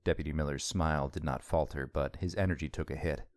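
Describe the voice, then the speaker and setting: A man narrating an audiobook in a steady, measured reading. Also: a bass voice, no room sound.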